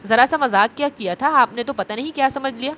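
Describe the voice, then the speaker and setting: A woman voicing a gentle, teasing young husband who speaks calmly and seriously in an audio novel. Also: a little high, slight background noise, natural voice. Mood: pleading. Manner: calm, soft, serious.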